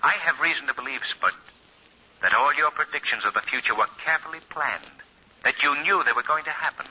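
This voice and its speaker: An actor playing the Shadow, an invisible and commanding male crime fighter, who questions in a calm, insistent, husky voice on a muffled 1940 radio broadcast. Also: medium pitch, a little fast, lightly acted. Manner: calm, insistent, lively interrogating delivery.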